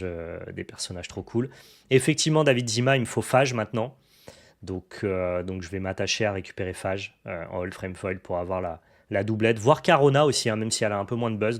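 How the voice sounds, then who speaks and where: A young adult man showing off his card purchases in a casual, enthusiastic chat to the camera. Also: on the low side. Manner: enthusiastic, chatty, many fillers and restarts. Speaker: card collecting YouTuber.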